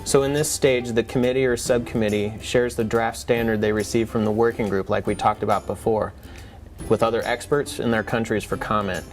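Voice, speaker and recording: A man's voice: on the low side, fairly even intonation, a little fast, faint music behind. A man presenting an explainer in a patient, conversational teaching manner. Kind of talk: semi-scripted explanatory dialogue.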